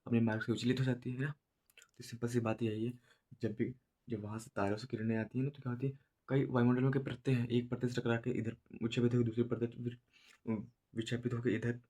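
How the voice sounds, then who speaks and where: Male teacher, monotone delivery, slow and repetitive, headache-weary exam lesson. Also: mid-range voice. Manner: slow, repetitive explaining with many filler checks. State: has a headache. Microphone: no proper voice recorder.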